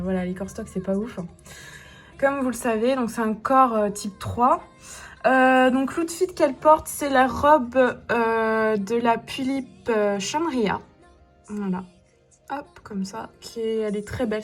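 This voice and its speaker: Young woman, southern French accent, slightly breathy, chatty show-and-tell vlogger, faint music under. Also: fairly high pitch. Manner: chatty, gushing, many fillers. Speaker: doll collector vlogger. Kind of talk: casual show-and-tell vlog.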